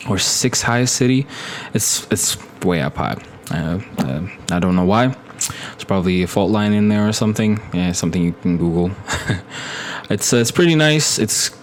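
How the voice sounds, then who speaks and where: Young man from Ethiopia, casual stream chat, lowish voice, faint background hum, drifts off the mic. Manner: rambling, many fillers and restarts, laughs at own jokes. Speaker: live streamer. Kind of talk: casual live-stream storytelling.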